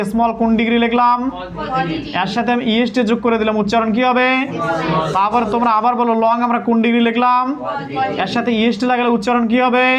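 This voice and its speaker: A man teaching a classroom lesson, asking the pupils the same question again and again until they answer. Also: sits high. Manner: repeats questions to pupils, drilling. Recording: loud classroom crowd noise. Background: class of children answering in chorus.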